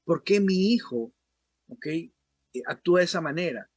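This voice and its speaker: A man's voice: fairly high pitch, expressive, moderate pace, no room sound. A man giving a casual spoken talk on emotional intelligence, with a conversational manner and frequent check-ins with the listener. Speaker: host, emotional intelligence speaker.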